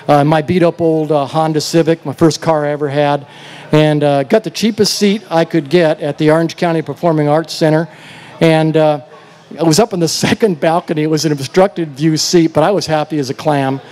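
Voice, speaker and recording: A male country singer talks to the audience between numbers at an outdoor festival, rambling easily through a story into his stage vocal mic. His voice is on the high side, steady in tone and a little fast. Loud live band music fills the background of the stage sound.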